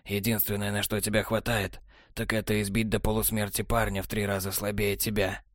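A man voicing a cold, scornful male traitor, speaking low and hushed with open contempt. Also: little pitch movement, fairly quick, no room sound, clean studio sound, natural voice. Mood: contemptuous. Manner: low, hushed, sneering delivery.

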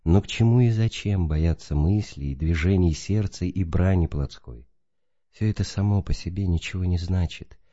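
A man solemnly reading a spiritual letter aloud in a slow, didactic way. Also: low voice, mellow. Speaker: reader. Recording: dull lo-fi recording.

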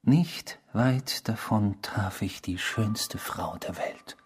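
A male actor in a German radio drama plays an intrusive, obsessive stranger, using a full character voice that is low, slow and husky. Brooding and reminiscing, he talks insistently and theatrically, probing and swinging from hushed to emphatic.

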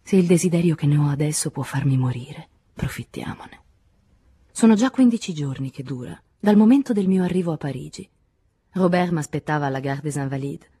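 A woman reading a literary novel aloud as an audiobook, quiet and intimate, often sinking to a whisper. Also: sits low, animated, a little fast, breathy edge. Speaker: audiobook reader.

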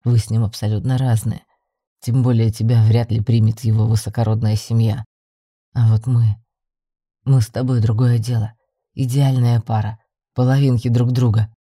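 A woman voicing a young male half-dragon who is possessive and softly menacing, in an audiobook. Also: level tone, normal speed, dry recording, studio quality. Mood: coaxing. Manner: low, coaxing and insistent. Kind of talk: audiobook narration.

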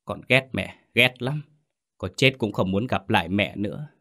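A man's voice: lowish voice, moderate pace, gravelly, pushed and bright, full character voice. A man voicing the sulky, grieving ghost of a young girl in a spoken ghost story, with a sobbing, reproachful delivery. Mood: aggrieved. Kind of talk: storytelling narration.

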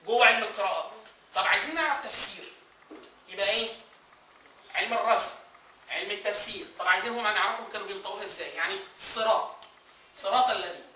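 A man's voice: high-pitched, quick pace, long pauses, bright, forceful tone, slight background noise. A man with an Egyptian Arabic accent giving a classroom lecture, firing questions at the class and answering them himself. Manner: quizzing the class, answering his own questions. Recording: echoey room recorded from a distance.

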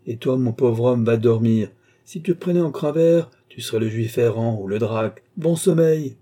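A man reading the part of a boisterous, loud peasant farmer in an audiobook. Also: medium pitch, normal speed, lightly acted. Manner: loud, blustering, declaiming.

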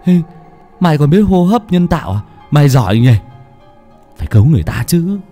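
A man acts out a cheeky young village lad in a spoken storybook, his voice lifted higher and lively as he pokes fun at his friend. He talks bluntly and brashly, over faint background music. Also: brisk. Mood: teasing. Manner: brash and teasing.

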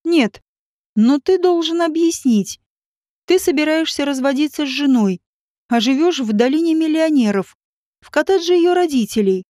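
Brief: woman narrator voicing a tense, cutting woman, high voice, dry and dark. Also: lively intonation, moderate pace, no room sound. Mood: tense probing. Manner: quiet, tense, cutting questions. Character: composed woman, tense, cold, probing.

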